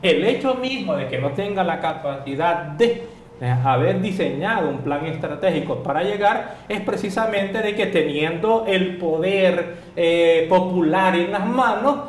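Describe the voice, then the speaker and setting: A man's voice: high voice, lively intonation, a little slow, roomy sound, slight background noise. A man gives critical political commentary in a television studio discussion, pressing his point with rhetorical questions.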